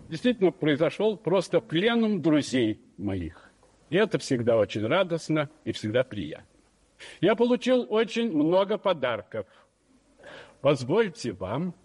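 A man of sixty giving a wry, gentle, measured speech at his own jubilee. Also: mid-range voice, slightly rough. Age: 60s. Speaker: jubilee speaker. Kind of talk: formal public speech. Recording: old archive hall recording with reverb.

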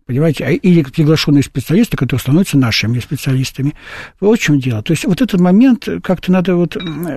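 A man's voice: fairly high pitch, animated, fast talker, a little mellow, breathy edge, no room sound, clean studio sound. A man answering an interview host's questions in an emphatic way, often asking whether the listener understands. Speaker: guest.

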